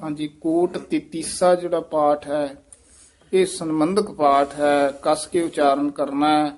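A man teaching pronunciation, correcting each phrase patiently and repeating it slowly. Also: a little high, level tone, darkish tone. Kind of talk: pronunciation lesson.

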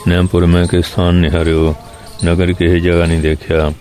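A man reciting verse line by line and then explaining each line in plain everyday speech, with steady affirming fillers. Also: deep voice, fairly quick, soft background music. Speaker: religious storyteller. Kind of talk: scripture exposition.

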